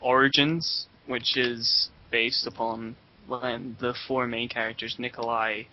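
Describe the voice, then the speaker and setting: A man's voice: medium pitch, little pitch movement, unhurried, slight background noise. A man co-hosting a podcast in casual chat, joking and offhand. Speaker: podcast co-host. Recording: muffled lo-fi audio.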